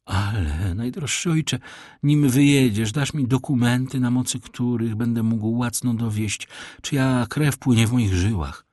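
A man's voice: mid-range voice, measured pace, a little mellow, no echo, studio quality, voice pushed up, natural voice. A man voicing a sly, scheming young man who mocks and probes, in an audiobook reading. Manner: sly, probing.

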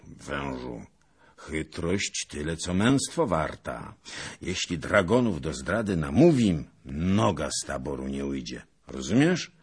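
A man voicing an angry, hoarse Tatar warlord in an audiobook reading, shouting threats. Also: a bass voice, full character voice.

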